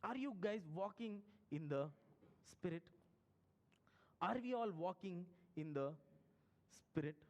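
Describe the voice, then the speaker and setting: A male pastor with a Telugu-tinged Indian English accent preaches a live sermon. His voice sits high and swings widely as he fires questions at the congregation and acts out voices. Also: animated, slow, pauses often.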